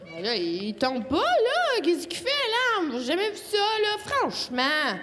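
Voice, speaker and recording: Woman with a Quebec French accent, high sing-song delivery, leads the crowd, long hall reverb. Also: slow, over loud music. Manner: lively, playful, coaxes the crowd to shout along. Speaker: storyteller voicing a signed tale. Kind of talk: live storytelling to an audience. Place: hall at a live storytelling event.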